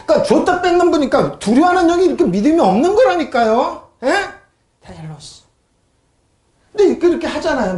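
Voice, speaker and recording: A woman pastor delivers an emphatic sermon, reading scripture and throwing rhetorical questions at her congregation. Her pitch swings widely as she presses each point. The recording carries the roomy echo of a church hall. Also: darkish tone.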